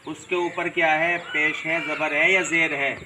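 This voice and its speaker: High-voiced male teacher quizzing children. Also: level tone, noisy background. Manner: questioning, repeats answers and calls on pupils. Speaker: religious teacher. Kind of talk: classroom lesson to children. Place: classroom.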